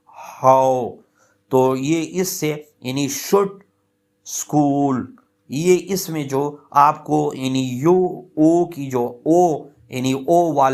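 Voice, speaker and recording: A male teacher, lecturing at a very slow, unhurried pace. His voice sits at an average pitch, and he explains patiently, circling back over each point. He stretches out the example words as he says them. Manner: slow, repetitive explaining with many fillers. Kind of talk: lecture on English pronunciation.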